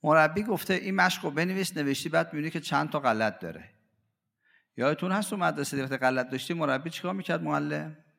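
A male preacher with a gravelly, creaky voice delivers a religious sermon. He swings dramatically from loud outbursts to hushed asides and acts out the cries of everyday people. His voice rings with a long hall reverb. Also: a little high.

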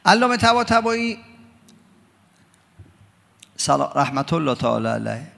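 Gravelly-voiced man preaching in a hall. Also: on the high side, sing-song, fairly bright tone. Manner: gravelly, mocking voices when quoting others. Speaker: cleric giving a Quran commentary lecture. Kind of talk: religious lecture with Quran recitation. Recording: long hall reverb.

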